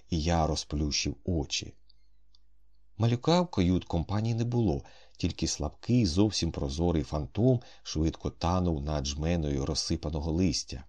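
Man, audiobook narration, very deep voice, husky, lively intonation. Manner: expressive storytelling, first-person narrator.

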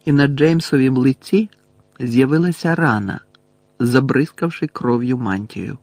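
A man reading an audiobook aloud with expressive storytelling. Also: medium pitch, measured pace, no room sound. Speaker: audiobook narrator.

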